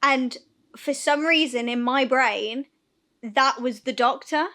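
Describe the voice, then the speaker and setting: A young woman chats casually on a podcast, her voice high and ringing with brightness. She tells stories with lots of animation, acting out the scenes as she goes. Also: takes it slowly. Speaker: podcast co-host. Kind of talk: casual chat.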